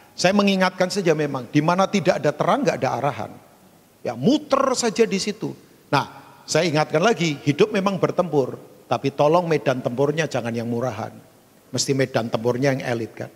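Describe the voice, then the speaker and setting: A male pastor preaching a sermon, animated and acting out stories with big jumps in pitch. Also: breathy edge. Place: church hall. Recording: long hall reverb.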